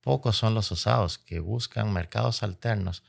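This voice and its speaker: This Dominican Republic native, interviewed as a logistics expert, carries a Dominican Caribbean Spanish accent. He talks at a moderate pace in a fairly low voice with vocal fry, explaining in an emphatic, oratorical manner and repeating phrases for effect.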